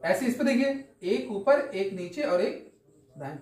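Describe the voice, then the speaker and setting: A woman's voice: medium pitch, lively intonation, unhurried, a little mellow, roomy sound. A woman teaching a chemistry lesson, explaining step by step, asking her students questions and answering them herself, often checking that they follow. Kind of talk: classroom lecture.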